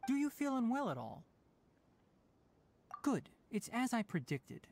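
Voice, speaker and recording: A woman voicing a composed young male scholar and mentor in a video game, measured and matter-of-fact. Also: a little high, very animated, a little mellow, a little hiss or hum. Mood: analytical.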